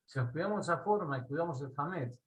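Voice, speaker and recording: A man with an Argentine accent teaching a Torah class. He tells a parable in a lively way and often checks in with his listeners. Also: fairly high pitch, fast, low-quality recording. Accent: Argentine Spanish. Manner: animated storyteller, asks listeners "¿sí?" often.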